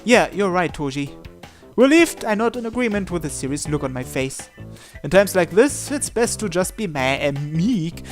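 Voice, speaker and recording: With music in the background, a video host with a higher-pitched voice gives a dramatized reading of a visual novel's narration and dialogue, performing the protagonist's lines himself. His intonation is lively and his speed normal.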